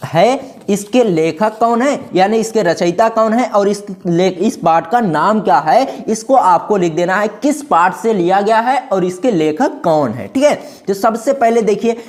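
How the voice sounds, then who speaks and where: A man with a high, lively voice teaches a Hindi exam-prep lesson at a measured pace. He explains everything step by step, regularly checking that students are following with "ठीक है" and addressing them as "दोस्तों" and "बाबू".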